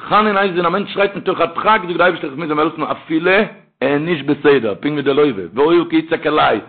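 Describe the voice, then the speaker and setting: A man delivers a sermon in a fairly high voice that dips to low murmurs before swelling into loud chanted verses and cries. The sound comes through a tinny, narrow phone-like line. His delivery is fervent and uneven, pressing hard on the recited passages. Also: brisk. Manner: swings from low muttering to loud chanted outcries. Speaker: rabbi preacher. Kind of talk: Yiddish-style sermon with chanted Hebrew verses.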